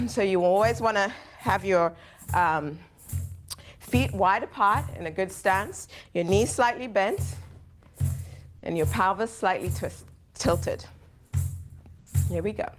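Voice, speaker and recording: A woman from Zimbabwe giving calm, clear instructions in a dance tutorial. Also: mid-range voice, slow, long pauses, soft background music.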